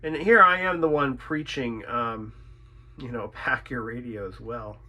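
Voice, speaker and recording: A radio repairer presents his own video, chatting casually and thinking out loud as he fixes something, often posing questions to himself. His medium-pitched voice is pushed and bright, and he keeps a measured pace. There's slight noise in the background.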